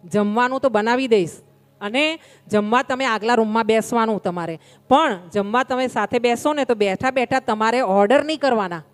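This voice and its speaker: A woman's voice: fairly high pitch, moderate pace. A woman giving a devotional sermon, telling a story in a conversational, humorous way and speaking directly to her listeners. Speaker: religious storyteller.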